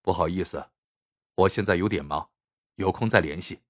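A man doing a curt, cold baritone man. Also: moderate pace, no echo, clean studio sound. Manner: curt and detached.

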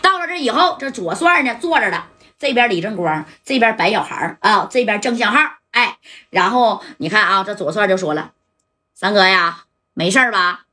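A woman telling a story in a chatty, lively way, often asking the listeners questions. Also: mid-range voice, fairly quick. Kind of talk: casual oral storytelling.

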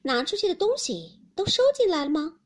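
A woman's voice: very high voice, huge pitch swings, fairly quick, pitched above the performer's own voice, full character voice. A woman voicing a shrewd, jealous noblewoman who mocks with cold insinuation. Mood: sly.

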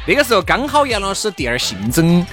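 High, lively Sichuanese man bantering on radio. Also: brisk. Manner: teasing, jokey, exclamatory. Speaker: radio talk show co-host. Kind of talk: bantering casual chat. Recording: music bed behind the voice.

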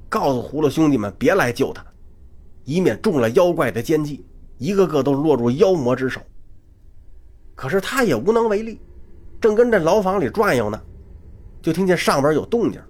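A man telling a traditional Chinese story, dramatic and animated, with vocal sound effects. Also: a little high, moderate pace, long pauses.

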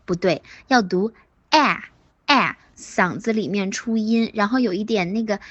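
Pronunciation teacher, woman, mid pitch, dry close sound, slow drilled vowels, encouraging. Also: no echo, muffled recording. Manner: drawn-out vowel demonstrations, repeats words slowly; encouraging praise. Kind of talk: online class instruction.

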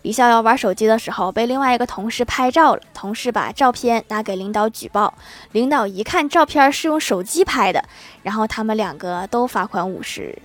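Brisk woman narrating comic anecdotes. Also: fairly high pitch, animated, no room sound. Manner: brisk storytelling with laughing punchline asides. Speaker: host. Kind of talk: scripted joke narration.

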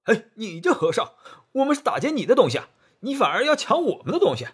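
A man's voice: fairly high pitch, big pitch swings, brisk, bright, forceful tone, husky, voice pushed up, exaggerated voice. A man voicing a fierce male mountain bandit chief in a storybook tale, bellowing threats. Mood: threatening.

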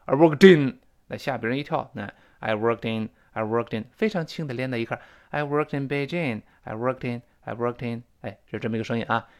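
A middle-aged man, a native Chinese speaker, teaching a spoken English lesson and repeating phrases for drill. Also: mid-range voice.

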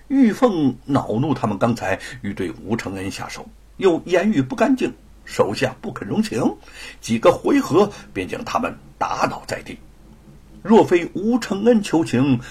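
A man narrating a story in an expressive, dramatic storytelling style with a gravelly, husky voice. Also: mid-range voice.

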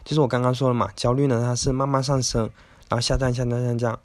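A man's voice: mid-range voice, level tone, fast, no echo. A man hosting a casual self-help talk, chatty and rambling, with lots of little filler words. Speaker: podcast host.

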